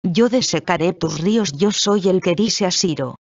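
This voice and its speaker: Someone reading the bible slow and solemn, dull dry recording, mid-pitched voice. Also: no echo. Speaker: scripture reader.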